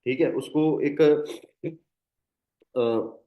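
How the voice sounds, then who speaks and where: A man giving a network marketing training, talking loudly and conversationally, often checking in with tag questions. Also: mid-range voice, very slow, roomy sound, lo-fi sound. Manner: speaking loudly. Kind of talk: motivational training talk. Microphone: phone or online call.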